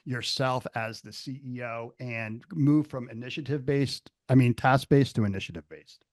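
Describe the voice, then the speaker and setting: A man's voice: mid-range voice, normal speed, darkish tone, no echo, studio quality. Enthusiastic man co-hosting. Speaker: podcast co-host. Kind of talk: casual chat.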